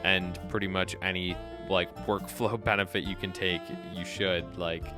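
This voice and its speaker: A man hosting a casual photo editing livestream, talking in a relaxed way with lots of fillers and encouraging his co-editors. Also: deep voice, moderate pace, music in the background. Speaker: host of a photo editing stream.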